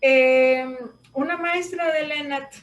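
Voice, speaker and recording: A woman speaks in a high, light voice, setting out her ideas slowly and thoughtfully as a voice teacher. She sits away from the microphone in a roomy, echoing space, with faint ambience behind her. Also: steady tone, recorded from a distance, dull audio. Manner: explanatory, thoughtful, with pauses. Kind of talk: reflective conversation.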